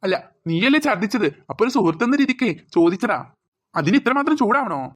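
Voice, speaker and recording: Cartoon schoolboy, wounded and indignant, voiced by a woman; fast talker, slightly distant. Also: medium pitch, lively intonation, voice pushed down, natural voice. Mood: hurt, indignant. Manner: complaining, wounded. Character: indignant young schoolboy, helpful and touchy. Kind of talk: cartoon voice acting.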